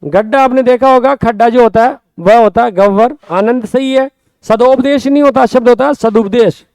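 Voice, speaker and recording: A man with a very high voice teaches a Hindi grammar lesson in a Rajasthani accent, spelling out words slowly and repeating them. His tone is smooth and resonant, recorded dry and close with no room sound. He keeps turning to his students with quick questions. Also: a little mellow, dry recording. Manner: often asks the class quick questions.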